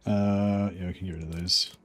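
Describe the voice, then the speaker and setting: A man's voice: sits low, fairly even intonation, normal speed, fairly bright tone. A man casually thinking aloud as he plays a video game, musing and hesitant, with some swearing. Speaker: video game player commentating.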